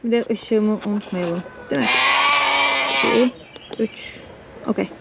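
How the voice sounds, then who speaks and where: High-voiced young woman chatting in a barn. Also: unhurried, gravelly. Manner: chatty, self-talking, coaxing animals. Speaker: farm vlogger. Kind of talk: casual vlog talk while doing farm chores. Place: barn with sheep and chickens. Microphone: head-mounted camera mic. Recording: noisy barn recording with bleating. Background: bleating lambs and sheep.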